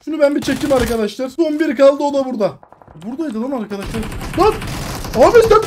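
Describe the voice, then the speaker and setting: A woman hosting a mobile shooter gameplay video, commenting in a loud, playful way and swearing at rivals. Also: sits high, expressive, quick pace, background noise. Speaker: gaming video host.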